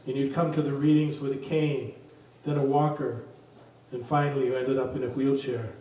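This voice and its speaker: A man reading his poems aloud at a reading event, in a slow, measured voice. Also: mid-range voice, little pitch movement, mellow. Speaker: poet reading his work. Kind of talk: poetry reading. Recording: very echoey room, distant mic.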